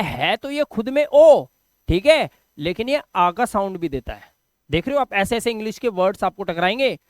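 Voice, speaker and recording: A man's voice: sits high, smooth, no echo, studio quality. A man with a Hindi accent teaching English spelling and pronunciation, spelling words letter by letter and answering his own questions. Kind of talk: spoken phonics lesson.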